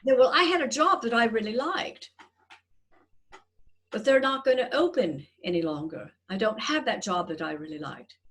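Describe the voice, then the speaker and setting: A woman speaking as a trance channeler, like a seance medium, guiding listeners with deliberate, portentous, reassuring phrasing as in a guided meditation. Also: on the high side, animated, fairly bright tone. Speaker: trance channeler leading a group session.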